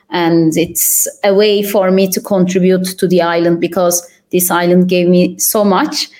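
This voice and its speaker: A woman's voice: medium pitch, a little mellow. Woman from Turkey giving an interview. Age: young adult. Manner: thoughtful, pauses with frequent fillers. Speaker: podcast guest. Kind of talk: conversational interview answers.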